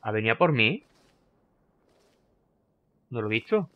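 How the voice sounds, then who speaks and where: A man giving live commentary on his own gameplay, excitable and repeating short phrases under pressure. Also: mid-range voice, measured pace, lo-fi sound.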